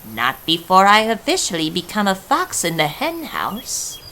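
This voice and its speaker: A scheming, hungry male fox from a storybook, acted by a woman. He muses and gloats to himself in a bright voice with lively swings of pitch. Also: unhurried, slight background noise, heavily acted. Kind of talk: animated storybook character voice.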